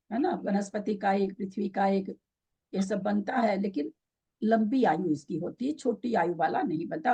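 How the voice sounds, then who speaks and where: A woman's voice: on the high side, vocal fry, dark tone, slightly rough, muffled recording. A woman teaching a scripture class online, questioning her students and patiently explaining by repeating the key terms.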